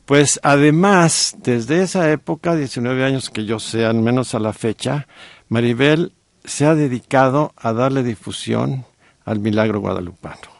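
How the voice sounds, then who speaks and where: A middle-aged man with a Mexican accent, telling a story on a radio talk show with many pauses and fillers. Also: medium pitch, gravelly, dry recording. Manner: warm storytelling with frequent fillers. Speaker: guest co-host.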